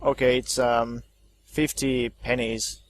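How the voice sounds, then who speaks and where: A man's voice: medium pitch, little pitch movement, slow, a little hiss or hum. A man running a tabletop horror game, narrating casually and hesitantly, with many ums and likes. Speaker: game master.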